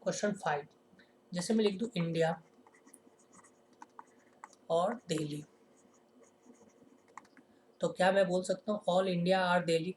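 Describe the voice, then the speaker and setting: A man's voice: sits high, fairly even intonation, slight background noise. Male teacher explaining step by step. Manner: asks rhetorical questions and answers them himself; slow, stressed repetition of example sentences. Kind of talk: classroom-style lesson explanation.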